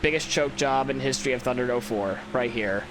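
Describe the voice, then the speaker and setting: This drowsy gameplay commentator has a mid-range voice and speaks a little fast, rambling casually through a let's-play with plenty of restarts and self-criticism. Behind him, a racing game's engine roars loudly.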